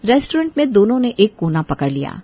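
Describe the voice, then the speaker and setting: A woman giving scripted storybook narration for a cartoon, telling the story smoothly and evenly. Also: medium pitch, sing-song, fairly quick, muffled recording.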